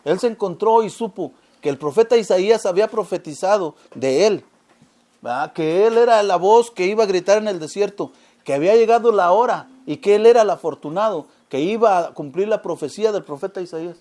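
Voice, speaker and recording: A man's voice: high-pitched, lively intonation, a little fast, warm tone. A man preaching a sermon, often asking his listeners rhetorical questions.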